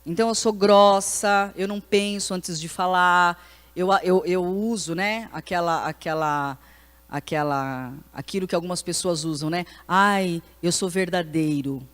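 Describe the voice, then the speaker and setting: A woman's voice: lowish voice, steady tone, measured pace. Frank Brazilian woman pastor, reverberant hall. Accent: Brazilian Portuguese. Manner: conversational, frank, repeats "né?" and restarts often. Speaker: pastor teaching a ministry class. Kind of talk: informal church teaching with audience questions. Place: church hall with a live audience. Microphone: handheld microphone. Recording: long church-hall reverb.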